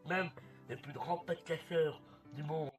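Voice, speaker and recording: A teenage boy talks eagerly to his viewers in an old YouTube video. His voice is fairly high and sounds set back from the mic, with music playing behind him. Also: fairly even intonation, slow pace, far from the mic. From Belgium. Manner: eager, chatty, addressing viewers.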